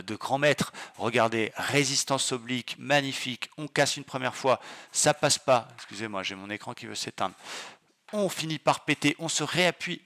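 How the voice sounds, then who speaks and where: A man's voice: mid-range voice, bright, forceful tone. A man hosting his trading channel, talking through stock charts casually and eagerly, with many fillers. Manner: enthusiastic, exclamatory, many fillers.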